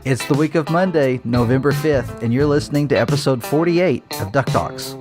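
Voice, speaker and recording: A man's voice: medium pitch, brisk, loud music behind the voice. A man hosting a casual podcast, chatty and loose with frequent fillers. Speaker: podcast host.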